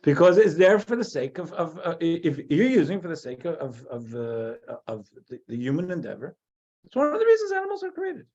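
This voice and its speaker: Teaching Torah with a brisk delivery, the New Jersey rabbi has a fairly high yet dark-toned voice whose pitch swoops wildly. He keeps stopping to restart sentences and repeat himself as he works through ideas, all captured on dull, lo-fi audio.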